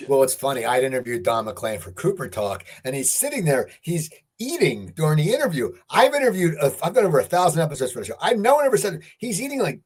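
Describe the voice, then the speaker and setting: Husky, lively-voiced male host. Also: a little high, quick pace, few pauses. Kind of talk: casual interview.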